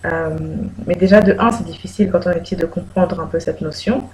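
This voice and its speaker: A young woman from Switzerland in a documentary interview, reflective and trailing off softly. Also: fairly low pitch, fairly even intonation, fairly quick, low-quality recording.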